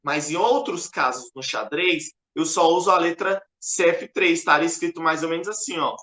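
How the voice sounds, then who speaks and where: Man, chess lesson, patient explaining, bright voice, roomy echo. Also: fairly high pitch, normal speed. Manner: patient, repetitive, keeps pointing things out. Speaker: chess teacher. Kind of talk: explaining a lesson over a board. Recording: echoey room.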